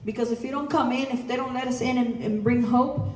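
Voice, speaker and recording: A woman's voice: a little high, steady tone, fairly quick, a little mellow. A woman giving a public talk and answering questions, earnest and full of "you know" fillers. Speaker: guest speaker. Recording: roomy distant live recording.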